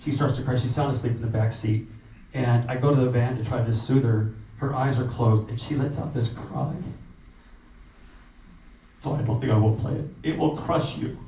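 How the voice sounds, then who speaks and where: A man recounting his relief trip at a meeting, emotional and halting, with many restarts. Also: medium pitch, warm tone. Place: meeting room. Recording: roomy, distant, muffled, faint noise.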